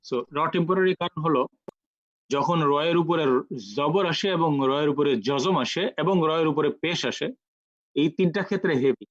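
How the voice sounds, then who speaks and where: A man teaching Quran recitation rules in an online lecture, explaining patiently step by step and repeating sounds slowly for practice. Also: on the high side, no echo, lo-fi sound.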